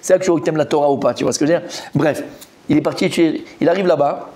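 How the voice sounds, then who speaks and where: A man, a rabbi, teaching a Talmud class in a lively, repetitive storytelling manner that acts out the characters. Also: a little high, quick pace.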